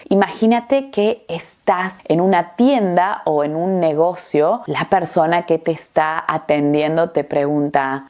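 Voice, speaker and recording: A woman teaching a language lesson, speaking clearly and patiently and repeating example phrases slowly and then quickly. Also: fairly low pitch, darkish tone. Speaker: Spanish teacher.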